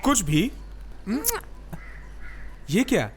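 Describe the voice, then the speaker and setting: A man's voice: high-pitched, big pitch swings, slow pace, darkish tone, a little hiss or hum, exaggerated voice. An actor playing a charming young male lover in a dubbed film, talking in a light, teasing way. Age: young adult.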